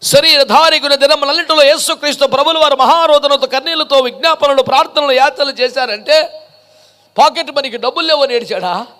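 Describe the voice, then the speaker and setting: A male pastor preaching a passionate sermon, piling up rhetorical questions and building to shouted peaks. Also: extremely high pitch, a little fast.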